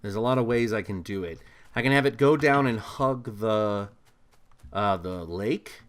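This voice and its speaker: A man in casual chat while playing a game with his brother, joking and talking quickly. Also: lowish voice. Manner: joking, quick, breaks into laughs.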